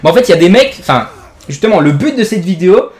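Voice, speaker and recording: A man's voice: high-pitched, big pitch swings, fast, a little mellow. A young man from France, a gaming YouTuber, tells a made-up joke story over gameplay in rambling, jokey slang full of fillers.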